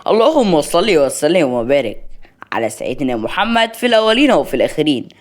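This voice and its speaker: A woman with an Egyptian accent tells a novel aloud for a story channel. Her voice sits low but moves with animated, lively intonation. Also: fast talker.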